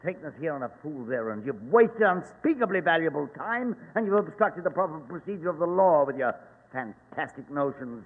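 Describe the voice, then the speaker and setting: A huffy British police inspector in a vintage radio play. He is formal and wordy, with a highish, lively voice. The recording is band-limited and very reverberant. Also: fairly quick, narrow, tinny audio. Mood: indignant. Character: indignant, blustering male British police inspector. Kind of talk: 1940s radio acting.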